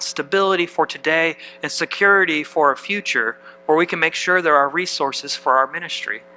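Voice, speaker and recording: A man's voice: on the high side, bright, forceful tone, slight background noise, low-quality recording. A man preaching a sermon as pastor, reading scripture aloud and putting questions to the congregation.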